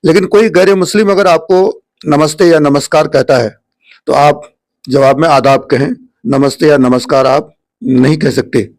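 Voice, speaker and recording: A man's voice: fairly high pitch, steady tone. A man from India hosts a religious video, speaking directly to viewers and summarizing a question of Islamic etiquette. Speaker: host of an Islamic channel.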